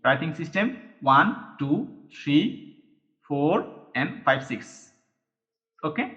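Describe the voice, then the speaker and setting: A man whose voice sits fairly high and sounds fairly bright draws out his words while teaching a language lesson. The lo-fi recording is dull, and he patiently repeats each sound and counts strokes aloud, one step at a time.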